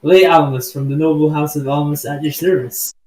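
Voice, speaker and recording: A man's voice: on the high side, steady tone, brisk, darkish tone, roomy sound, close to an everyday voice, low-quality recording. A man voicing a cheerful noble male halfling who introduces himself with courtly delight.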